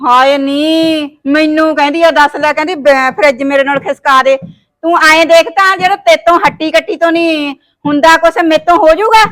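A woman acting out a bossy middle-aged mother-in-law who scolds without pause. Her voice sits high and sounds bright and forceful. She nags in a sharp, cutting way. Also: steady tone. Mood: scolding. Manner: scolding, nagging, sharp-tongued. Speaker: mother-in-law in a family short film. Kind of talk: amateur family drama acting.

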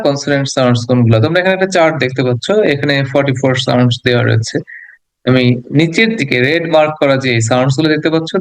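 A man teaching an English lesson, patiently repeating his points and slowly sounding out example words. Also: mid-range voice, no echo. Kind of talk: explanatory lesson.

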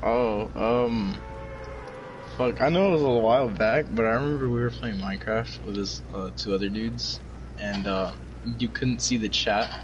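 A man's voice: fairly low pitch, fairly even intonation, moderate pace, highs cut off. A young man chatting with a streamer friend, joking dryly and swearing casually. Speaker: friend on call. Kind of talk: casual chat over gameplay. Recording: noisy voice chat audio.

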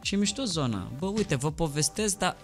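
A man in his thirties, a radio host and comedian, giving relaxed advice in a casual studio chat. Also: on the high side, faint music behind. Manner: relaxed, advising, trails off mid-sentence. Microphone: studio microphone on arm.

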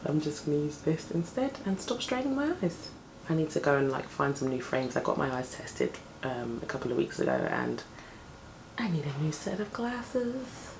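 A beauty vlogger with a deep, croaky morning voice, deeper than usual, chats in a relaxed way while applying makeup for a casual tutorial. She's indoors at home with a camera close by on her desk, and plane and street noise filter through the open window.

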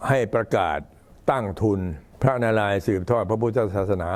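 An old man, a Buddhist monk, giving an informal talk to temple visitors in an unhurried, halting way. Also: lowish voice, a little mellow. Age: older. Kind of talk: informal talk, recounting temple history and announcements.

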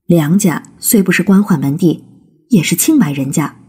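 A woman's voice: fairly low pitch, expressive, moderate pace, darkish tone, breathy edge. A woman voicing a devoted, defiant young daughter who pleads emotionally, in a storybook reading. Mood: pleading.

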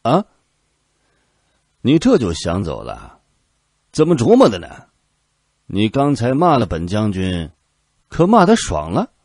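A gruff, explosive army general from a storybook tale, roaring and cursing in a raised, husky voice that swings wildly up and down, as a male narrator puts him on. The voice is dry and close. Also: lowish voice, wildly swooping pitch, slow, long pauses, darkish tone, no room sound, pitched above the performer's own voice, full character voice. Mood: gloating.

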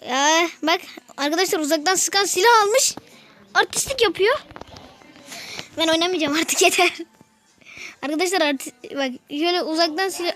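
A woman giving casual gameplay commentary to her viewers, excitable and quick to burst out in frustration. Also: very high voice. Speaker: gaming video host.

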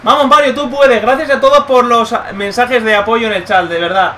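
A young man gives live commentary on his own football video game match. His voice sits very high for a man and sounds bright and forceful. He mutters to himself one moment and yells the next, over a faint hiss of background noise. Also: normal speed. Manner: excitable, swings from muttering to yelling. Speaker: gaming streamer.

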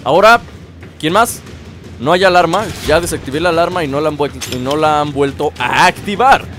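A high-pitched young man, narrating his game and taunting enemies with playful shouts. Loud game music runs under his voice. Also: moderate pace. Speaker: gameplay commentator. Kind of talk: casual gameplay commentary.

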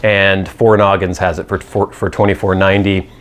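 This man, in his thirties, reviews pipe tobacco on camera, explaining details in a casual, matter-of-fact way. He has a deep voice with little pitch movement, normal speed, and a fairly bright tone. He wears a lapel mic in a small indoor room hung with a cloth backdrop.

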